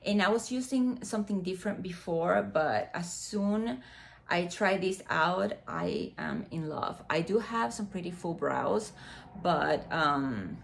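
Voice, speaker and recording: Taking her time, a woman with a lowish, sing-song voice and vocal fry chats through an unboxing, using lots of fillers. She's a Dominican beauty vlogger in her mid forties, a native Spanish speaker with a Dominican accent. The room sits next to a window, and faint outdoor street noise is audible.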